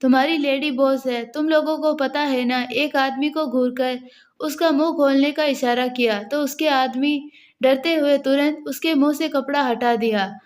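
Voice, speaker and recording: A woman's voice: high voice, fairly even intonation, normal speed. A woman narrating a romance story, reading every character's lines in the same plain storytelling voice.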